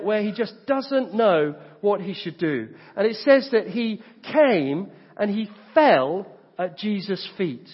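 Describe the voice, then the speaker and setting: A man's voice: high-pitched, long reverb tail, lo-fi sound. A man preaching a sermon, retelling a story with rhetorical questions. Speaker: pastor.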